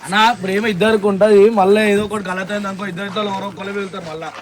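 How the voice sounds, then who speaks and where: A man's voice: sits high, flat delivery, fast, a little hiss or hum. A man, arguing in a worried, insistent way in a family drama skit. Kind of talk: scripted family drama acting.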